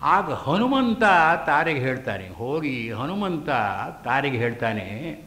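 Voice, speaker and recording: A man lecturing on an old epic, chanting Sanskrit verses and then explaining them in a slow, deliberate way. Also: medium pitch, very animated, fairly bright tone, roomy sound.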